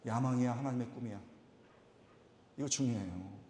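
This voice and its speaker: A male pastor preaching a lively storytelling sermon at a retreat service, imitating people in his stories and exclaiming. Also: mid-range voice, moderate pace, a little hiss or hum. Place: church retreat evening service hall. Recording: echoey hall reverb.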